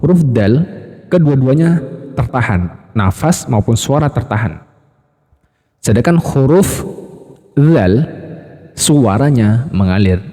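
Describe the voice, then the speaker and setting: A man teaching Quran recitation rules, patiently explaining step by step and slowly drilling each sound, addressing listeners as friends. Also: medium pitch, expressive, mellow, in a large hall. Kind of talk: tajwid lesson with spoken demonstrations.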